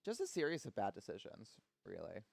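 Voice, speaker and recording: A man's voice: on the low side, huge pitch swings, fairly quick, creaky, a little mellow. Playful, self-mocking man streaming. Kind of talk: casual live-stream chat.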